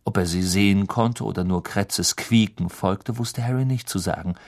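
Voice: low-pitched, normal speed, darkish tone. An audiobook narrator reading a novel in a dramatic storytelling manner. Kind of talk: scripted narration.

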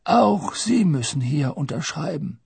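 A man voicing an elderly headmaster who talks calmly with dry amusement. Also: fairly high pitch, unhurried, gravelly, slightly rough, no room sound, voice pushed up, exaggerated voice. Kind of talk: audiobook character voice.

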